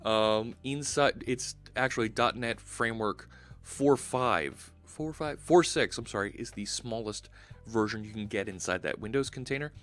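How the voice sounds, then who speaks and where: Over soft music, a fortysomething Philadelphian hosts a relaxed coding stream through a headset in his home studio. His fairly bright voice sits on the low side at normal speed, and he reasons aloud, peppering his talk with fillers.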